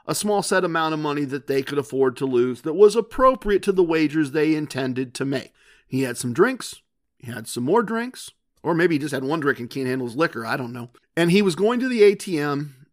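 A man hosting a gambling podcast, telling a story in an earnest, conversational way with frequent restarts. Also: on the high side. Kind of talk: casual storytelling monologue.

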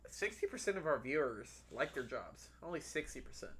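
A man's voice: a little high, slight background noise. A young man co-hosting a podcast, joking and riffing in casual chat. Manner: joking, animated, quick with jokes. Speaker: podcast co-host.

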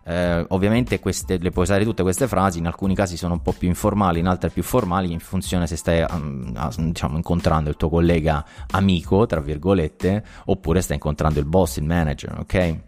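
A man in his thirties with an Italian accent, teaching English phrases in a casual lesson, explaining in a relaxed way and saying the example phrases brightly. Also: low-pitched, a little fast, hardly any pauses.

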